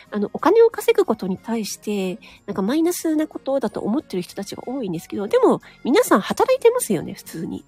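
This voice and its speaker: A woman with a husky, dark-toned, medium-pitched voice talks frankly on her own audio channel. Her casual solo monologue is chatty and packed with small nodding asides and tag particles.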